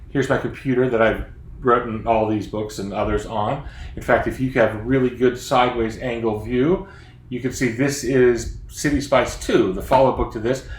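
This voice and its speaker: Speaking from his home office, a Florida children's book author in his fifties chats casually with young readers, joking at his own expense. He has a mid-range voice, and the roomy office sound carries faint background noise.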